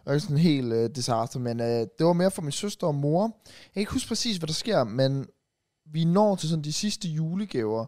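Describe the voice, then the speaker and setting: A young man from Denmark co-hosting a podcast, telling stories in a relaxed way and laughing as he goes. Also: fairly high pitch, no room sound, clean studio sound. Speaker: podcast co-host. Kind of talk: casual chat.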